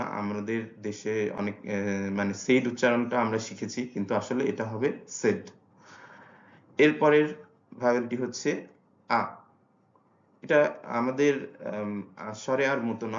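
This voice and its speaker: A man teaching a language lesson, explaining slowly and filling pauses with long drawn-out "ah" sounds. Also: mid-range voice. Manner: hesitant, many drawn-out "ah" fillers; slow and careful when modelling sounds. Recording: roomy, dull lo-fi recording.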